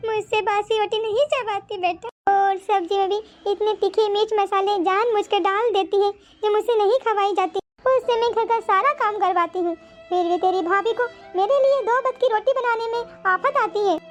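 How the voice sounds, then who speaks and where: A woman voicing a gentle, caring older mother in a cartoon, speaking softly and giving advice. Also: very high voice. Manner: soft, advising, lamenting. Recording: slightly dull, music behind.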